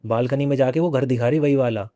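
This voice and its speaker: A man's voice: mid-range voice, dark tone, no room sound. A young man, a podcast guest, telling a personal ghost story in a casual way and often repeating his phrases. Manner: repeats phrases, conversational and unhurried.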